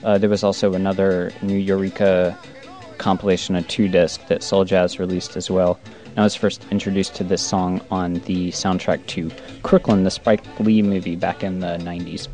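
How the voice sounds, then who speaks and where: A man hosting a college radio show in a studio, announcing and chatting with a guest in a relaxed, slightly halting way. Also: low voice, faint music behind. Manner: relaxed, conversational, a little halting. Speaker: radio host. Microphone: studio microphone.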